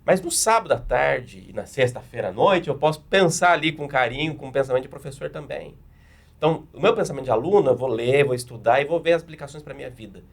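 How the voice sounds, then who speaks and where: A man's voice: medium pitch, quick pace, gravelly. A man with a Brazilian Portuguese accent, a pastor explaining step by step with practical examples in a panel discussion.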